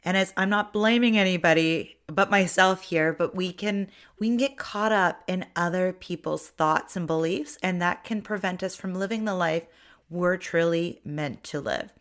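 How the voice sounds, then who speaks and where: Speaking at normal speed in a lowish voice, a middle-aged Ontario woman talks on her own podcast. Her monologue is reflective and chatty, and she keeps restarting her sentences.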